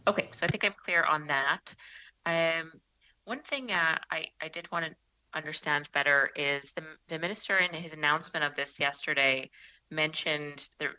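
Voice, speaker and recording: Woman committee member on a headset, halting questions, bad connection chopping her sound, low crisp voice. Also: sharp tone, rough recording. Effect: choppy audio cutting in and out over an unstable online connection. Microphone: headset on a video call.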